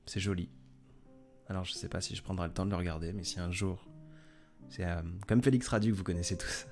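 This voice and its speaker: A man hosting a casual live stream, reading viewers' messages aloud and answering in a soft, hesitant way with many fillers. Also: low-pitched, steady tone, a little fast, soft background music. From France.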